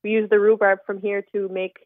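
A woman's voice: medium pitch, flat delivery, a little fast, no room sound. Young woman on a tinny phone line. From Netherlands. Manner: friendly, explanatory, frequent ums. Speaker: creamery owner, phone guest. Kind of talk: radio phone interview.

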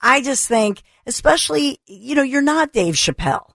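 A woman's voice: high-pitched, expressive, moderate pace, creaky, fairly bright tone, no room sound, studio quality. A woman co-hosting a talk radio show, arguing her point firmly and restarting her sentences as she goes. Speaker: radio co-host. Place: radio studio.

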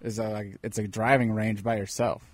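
Male co-host, casual radio talk, relaxed and matter-of-fact, dry close mic. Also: lowish voice, moderate pace, dry recording. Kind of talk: casual sports radio chat. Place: studio.

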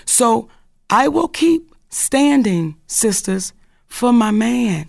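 A bold woman addresses the crowd, outspoken and emphatic, taking her time over each phrase. Her fairly high voice carries a gravelly rasp. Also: very animated, takes it slowly. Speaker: wife speaking on a panel. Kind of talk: passionate spoken address.

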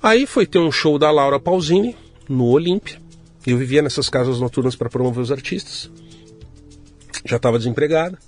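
A middle-aged man from Brazil, telling his story to an interviewer in a casual, lively way and acting out the voices of the people in it. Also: medium pitch, moderate pace, soft background music. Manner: lively anecdotal, acts out quoted dialogue. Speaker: guest entrepreneur.

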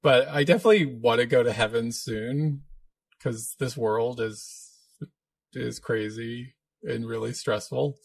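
Man, live Q&A host, chatty, joking, medium pitch, dry close sound. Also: measured pace, gravelly, husky, no room sound. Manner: chatty, joking, laughs often. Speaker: podcast host, minister. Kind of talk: live Q&A chat.

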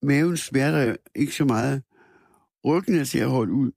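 Gravelly man reading a somber story. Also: medium pitch, a little mellow, no room sound, studio quality. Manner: measured, somber reading with small restarts. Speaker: narrator. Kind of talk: first-person literary narration read aloud.

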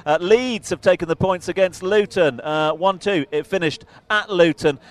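A male radio presenter runs through football scores in a brisk, practised way, dropping in the odd filler. His voice sits a little high. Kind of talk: reading sports results.

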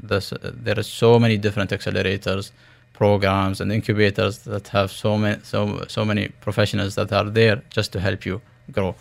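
Low, even-toned male startup founder, creaky voice. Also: brisk, hardly any pauses. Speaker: startup co-founder, interview guest. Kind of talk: radio interview.

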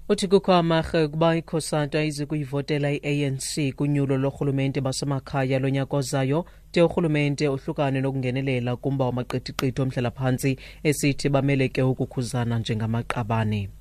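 A man's voice: mid-range voice, steady tone, fast, a little mellow, no room sound. A South African man reading a scripted radio news bulletin. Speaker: news reader. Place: dry studio.

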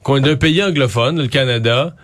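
Quebecois guy hosting radio, talks super fast, keeps repeating himself. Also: medium pitch, a bit bright, no echo. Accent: Québécois French. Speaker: radio host. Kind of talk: casual radio chat.

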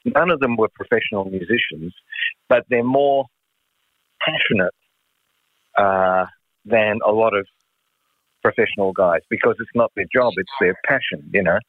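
A man's voice: on the low side, moderate pace, pauses often, no echo. A man in his sixties with an Australian accent, casually reminiscing as a musician guest on a phone call. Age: 60s. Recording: narrow phone line.

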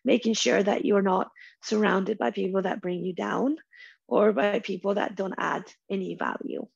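A woman speaks casually as a podcast guest with a hoarse, raspy voice. It crackles with gravelly fry, and she talks informally in short starts. The close, dry recording sounds slightly dull. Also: mid-range voice, normal speed, no echo. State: hoarse, losing her voice while unwell. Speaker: podcast guest, venture capital professional. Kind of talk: casual interview conversation. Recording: dull, lo-fi audio.

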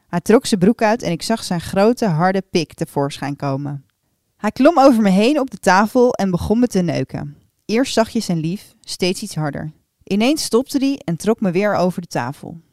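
Female reader, lowish voice, intimate confiding delivery of an erotic story, dry close sound. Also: darkish tone, no echo. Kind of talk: reading an erotic story aloud.

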